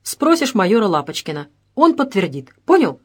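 A woman voicing a tough retired male police colonel who speaks calmly and curtly, in an audiobook. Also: mid-range voice, normal speed, husky. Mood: commanding.

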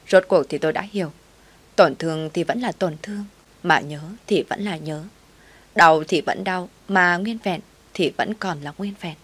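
A woman's voice: fairly low pitch, slightly rough. A woman narrating a first-person audio story in a sorrowful, reflective way.

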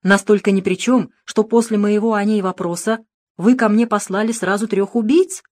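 A woman's voice: mid-range voice, big pitch swings, brisk, voice pushed up. A woman reading a cool, mocking male detective. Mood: sarcastic. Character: calm, sarcastic middle-aged male detective. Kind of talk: audiobook character reading.

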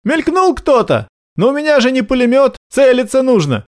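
A man voicing an eager, loud young male soldier in an audiobook. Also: very high-pitched, very animated, normal speed, dry recording, studio quality, pitched above the performer's own voice. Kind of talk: audiobook narration.

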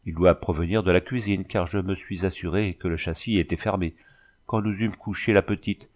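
A man's voice: low-pitched, fairly even intonation, moderate pace, darkish tone. A man voicing a scheming, fearful old woman who fusses and pleads. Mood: fussy. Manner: pleading, fussy. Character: scheming old female lodging-keeper, fearful and fawning.

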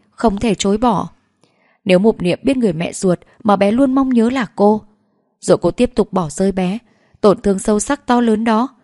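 Brief: female audiobook narrator, steady and even, warm mellow tone, dry close sound. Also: medium pitch, dry recording. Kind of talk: scripted narration of a romance novel.

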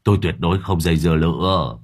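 A man voicing a scruffy, broke middle-aged male vagrant who stammers and pleads in a hushed tone. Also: low-pitched, fast talker, pitched below the performer's own voice. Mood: sheepish pleading.

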